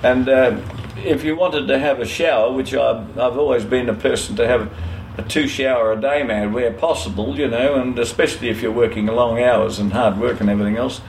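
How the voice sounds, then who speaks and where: A man's voice: medium pitch, fairly even intonation, a little fast, creaky, hardly any pauses, a little mellow. An older Australian man telling a long anecdote for an oral history interview, rambling with many "you know"s and self-corrections. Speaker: interviewee, former trucking company owner. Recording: roomy echo, faint ambient noise.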